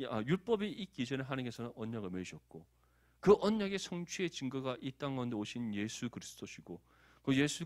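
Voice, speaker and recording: A man's voice: a little high, no room sound, studio quality. A man from Daegu with a Gyeongsang accent, preaching a conversational sermon as pastor. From Daegu, South Korea. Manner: conversational, animated, asks the congregation for agreement.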